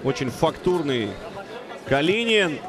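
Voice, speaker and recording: A man giving excited live commentary on a fight as a commentator. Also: on the high side, slow pace. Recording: loud crowd behind commentary.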